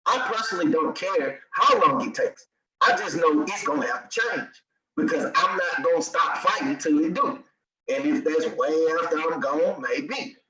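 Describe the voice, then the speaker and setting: A man's voice: fairly high pitch, normal speed, reverberant, lo-fi sound, over a noisy crowd. An American man talking bluntly and earnestly in a casual group discussion. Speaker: group organizer.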